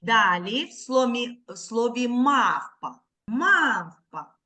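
Teaching literacy online to young children via video call, a woman primary school teacher speaks slowly and clearly in a slightly high, sing-song voice that is bright and forceful. She stretches each word into syllables and prompts her pupils with patience.

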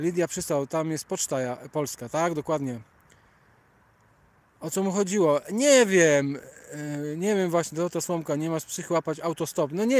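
Chatty high-voiced man on a night walk. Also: darkish tone. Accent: Polish. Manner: chatty, rambling, reads viewer names aloud and greets them. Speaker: livestream host reading chat. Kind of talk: casual live chat while walking. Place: outdoors on a city sidewalk at night.

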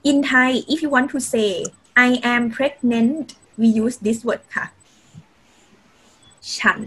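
A woman's voice: a little high, a bit bright, breathy edge, poor audio. A woman teaching Thai in a video-call lesson, mixing simple English with Thai and adding polite particles often. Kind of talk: online language lesson.

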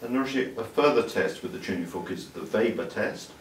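Calm and low-voiced, this older man is a doctor demonstrating an exam, speaking briskly yet explaining steadily, with small restarts along the way. It's a clinical teaching demonstration in a clinic examination room; the far camera mic picks up roomy, distant sound and faint room hiss.

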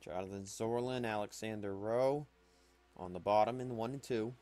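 Calm analytical sim racing commentator, man. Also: fairly low pitch, moderate pace, a little hiss or hum. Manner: calm, analytical play-by-play that rises sharply at wrecks. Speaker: race commentator.

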